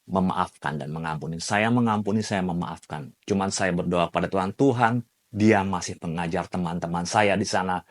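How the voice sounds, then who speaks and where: Man, lowish voice, personal testimony, emotional storytelling, shouts quoted lines. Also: normal speed. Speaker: theology student giving a testimony.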